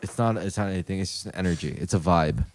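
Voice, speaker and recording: A man's voice: deep voice, quick pace. A man in his thirties co-hosting a podcast, rambling and joking in casual chat. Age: 30s. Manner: rambling, joking, repeats himself. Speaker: podcast co-host.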